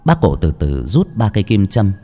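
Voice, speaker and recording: Animated male ghost-story narrator. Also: on the low side, moderate pace, in a large hall. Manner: dramatic, animated.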